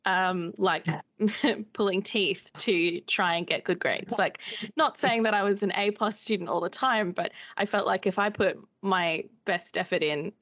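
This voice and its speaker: A woman's voice: mid-range voice, measured pace, a bit bright, dry recording. An Australian woman speaking as an interview guest in a casual, informal, self-deprecating way. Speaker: interview guest, theatre maker.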